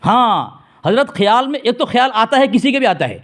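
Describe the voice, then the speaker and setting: A man's voice: very high-pitched, very animated, a bit bright. A man in a theological debate over a phone call, insistently pressing his opponent for answers while staying formally respectful. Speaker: religious debater.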